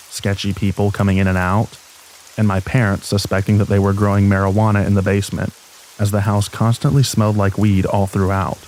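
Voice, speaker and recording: A man calmly and steadily narrating scripted horror stories meant for falling asleep. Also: fairly low pitch, a little hiss or hum, rough recording. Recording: steady rain sound behind voice. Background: rain ambience.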